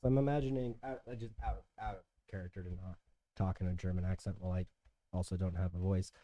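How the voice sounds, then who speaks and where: A man's voice: deep voice, flat delivery, quick pace, no echo, lo-fi sound. A man chatting out of character at a tabletop game, thinking aloud with hesitant restarts. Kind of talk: casual chat out of character.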